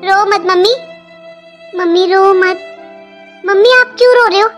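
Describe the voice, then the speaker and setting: Woman as an outspoken little girl, high childlike voice, faint music behind. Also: measured pace. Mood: pleading. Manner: pleading, childlike. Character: young girl, outspoken and hurt. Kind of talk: family drama acting.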